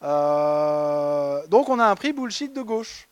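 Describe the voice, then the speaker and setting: A man's voice: a little high, very animated, slow, smooth, no room sound. A man presenting a humorous award talk at a conference, ironic and chatty with many fillers and restarts. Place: conference hall.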